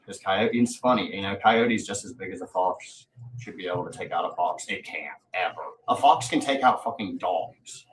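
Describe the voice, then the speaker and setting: Here a low-voiced man at a moderate pace hosts a livestream, chatting aimlessly, showing off, and swearing often. Captured from a distant mic in a roomy space, it carries a faint hiss of noise.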